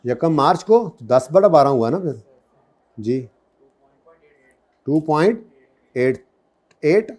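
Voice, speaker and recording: Brief: man, classroom lecturer, slightly raised pitch, breaks into slow measured dictation. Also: expressive, darkish tone. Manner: switches to slow, word-by-word English dictation. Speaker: accounting lecturer.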